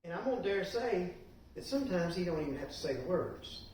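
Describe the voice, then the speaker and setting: A middle-aged man, teaching a church class in a lively, joking way and prodding the class with questions. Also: high-pitched, fairly quick. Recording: echoey room, distant mic, faint hiss.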